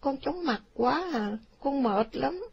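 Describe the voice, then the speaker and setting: Reader doing a weepy pleading daughter, higher voice, audiobook story. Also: female voice, animated, takes it slowly, creaky, dull audio, exaggerated voice. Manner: tearful, pleading. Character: young woman, distressed daughter.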